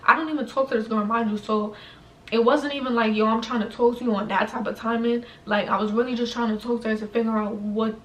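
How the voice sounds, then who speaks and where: A woman's voice: a little high, fairly even intonation, brisk, a bit bright. Chatty young New woman, roomy echo. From New York, USA. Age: young adult. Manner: slangy, chatty, heavy use of "like". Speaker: vlogger. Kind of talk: casual storytime chat. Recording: roomy echo, mic at a distance, faint room noise.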